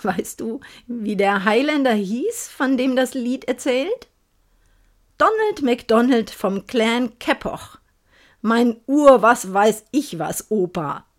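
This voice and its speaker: A woman's voice: fairly high pitch, lively intonation, slow pace. A woman voicing a cheerful, boastful young husband with a jaunty, teasing manner.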